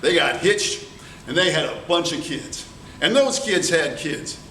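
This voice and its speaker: A man telling a tall tale as a contest storyteller, theatrical and deliberate, with dramatic pauses. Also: a little high, lively intonation, pushed and bright. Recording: distant, echoey room with background noise.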